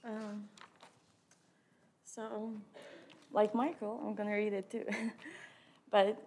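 A woman's voice: mid-range voice, flat delivery, very slow, a little mellow, slight background noise. A woman in her early twenties with an Albanian accent, a non-native English speaker reading her personal testimony aloud. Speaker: student sharing testimony.

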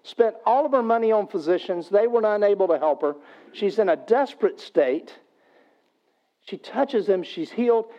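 A man's voice: high-pitched, animated, normal speed, mellow, muffled recording. A man preaching a sermon, retelling scripture stories in a conversational, everyday way. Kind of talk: sermon storytelling.

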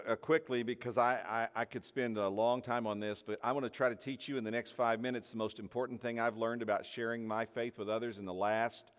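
A man preaching a sermon to a congregation, telling a personal story and acting out the voices in it. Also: medium pitch. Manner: animated storyteller acting out dialogue. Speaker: pastor. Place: church hall with audience. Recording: long hall reverb.

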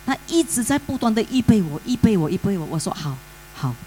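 A woman's voice: medium pitch, big pitch swings, brisk, dark tone, faint music behind, poor audio. Woman giving a tearful church testimony. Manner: mixes English words into Mandarin, many fillers. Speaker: pastor's widow giving testimony. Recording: faint mains hum.

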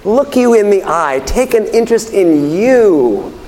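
Man, pastor, high voice, chatty sermon, asks the congregation questions, faint background noise. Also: very animated, a little slow, warm tone. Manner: asks the congregation questions and repeats their answers; chatty storytelling. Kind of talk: conversational sermon.

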